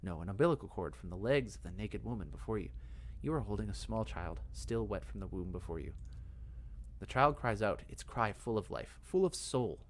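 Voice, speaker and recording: A let's play host with a lowish voice reads fantasy game text aloud as dramatic narration, telling it in a measured, expressive storytelling style. A slight hiss or hum is audible.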